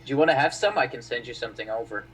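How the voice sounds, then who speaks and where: A relaxed man born in Bulgaria chats about stocks on a live stream. His voice sits at an ordinary pitch and sounds a little distant from the mic. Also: very fast, a little hiss or hum. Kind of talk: casual stock-market chat on a live stream.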